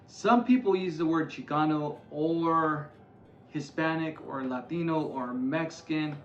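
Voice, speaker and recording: A man in his forties from the United States chatting casually with his wife, relaxed and thoughtful, with filler pauses. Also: on the high side, reverberant, highs cut off, slight background noise. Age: 40s. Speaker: co-host. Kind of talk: casual chat.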